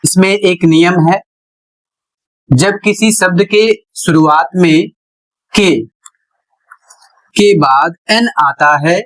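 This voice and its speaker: Slow, high-voiced male teacher. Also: fairly bright tone, rough recording. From India. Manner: deliberate, spells words out letter by letter. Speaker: English teacher. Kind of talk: slow classroom explanation.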